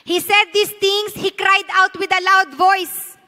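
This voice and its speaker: A woman pastor with a Filipino accent preaching a sermon in a church, mixing Tagalog and English and swinging between loud emphasis and hushed intensity. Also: extremely high pitch, steady tone, slow. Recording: long reverb of a large hall.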